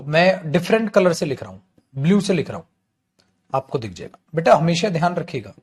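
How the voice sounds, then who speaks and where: Man, grammar teacher, online class, scolding, teasing, slightly high voice. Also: darkish tone. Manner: scolding, teasing, addresses students as beta.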